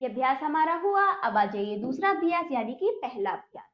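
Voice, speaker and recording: A woman teaching a primary school language lesson, patiently asking questions and slowly repeating the answers. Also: high-pitched, big pitch swings. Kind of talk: classroom lesson explaining exercises. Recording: echoey room, dull lo-fi sound.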